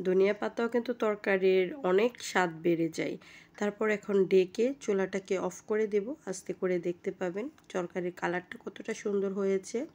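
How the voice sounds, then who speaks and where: A woman, hoarse from a cold, giving chatty step-by-step directions as she narrates a home recipe. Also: mid-range voice. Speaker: cooking channel host. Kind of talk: recipe voice-over.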